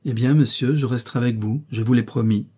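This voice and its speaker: A man voicing a devoted, spirited young woman who talks gently and earnestly. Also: medium pitch, steady tone, fast talker, breathy edge, lightly acted. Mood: tender.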